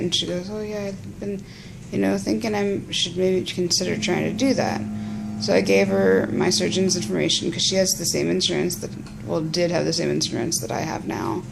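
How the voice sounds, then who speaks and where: A woman talking casually and haltingly in a personal vlog, rambling with a gravelly, creaky voice, recorded on a phone. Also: on the low side, background noise. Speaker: patient vlogging after surgery.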